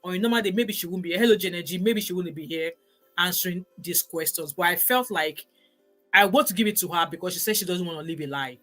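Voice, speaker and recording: A woman's voice: fairly low pitch, fast talker, fairly bright tone, soft background music. A Nigerian woman in her forties hosting a casual live stream, reading viewer comments in an emphatic, chatty way and dropping in pidgin words. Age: 40s.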